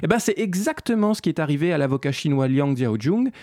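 A man's voice: a little high, lively intonation, quick pace, darkish tone, dry recording, clean studio sound. A man hosting a sarcastic commentary video essay, speaking ironically and addressing the listener directly. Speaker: host.

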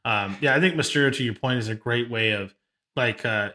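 Bright, forceful man in analytical chat. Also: mid-range voice, fairly quick. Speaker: podcast co-host.

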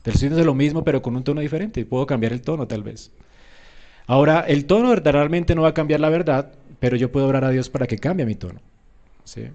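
A man's voice: fast, darkish tone, dull audio. A man preaching a sermon in an emphatic way, often checking with his listeners and acting out quoted voices. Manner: emphatic, often asks "¿verdad?"; acts out quoted voices with rising pitch.

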